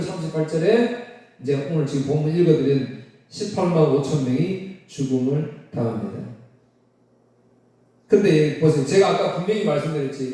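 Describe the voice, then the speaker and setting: A man's voice: on the high side, dark tone, very echoey, recorded from a distance. A pastor preaching a sermon, explaining scripture and posing rhetorical questions that he answers himself. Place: church sanctuary.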